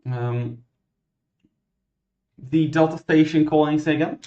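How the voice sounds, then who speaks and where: Halting man controller, muffled roomy sound. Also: a little high, steady tone, dark tone. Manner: halting, self-correcting. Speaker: virtual air traffic ground controller. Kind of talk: radio clearances and explanatory commentary.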